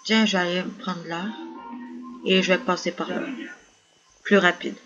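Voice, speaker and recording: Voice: medium pitch, flat delivery, moderate pace, music in the background. A person chatting casually while playing a co-op video game. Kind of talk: casual gaming chat during co-op play. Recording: dull lo-fi audio, other voices behind. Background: other people talking.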